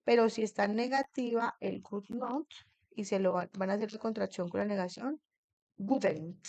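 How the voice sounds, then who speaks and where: A woman's voice: medium pitch, normal speed, a little mellow, no echo. A woman teaching an English grammar lesson in a classroom. She keeps checking in with her students and asks them questions.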